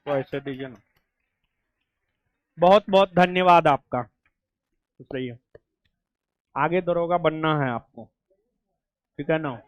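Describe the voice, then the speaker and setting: Man, Bihari Hindi accent, high pitch, dry close sound, fond teasing teacher type. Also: takes it slowly, pauses often, dry recording, dull audio. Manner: affectionate, joking, fussy. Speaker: coaching teacher. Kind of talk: casual chat while honoring students.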